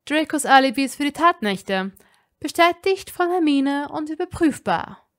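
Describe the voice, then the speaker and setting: A woman reading a fan audiobook, voicing a calm young wizard man who works as a lawyer, speaking low and measured. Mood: firm.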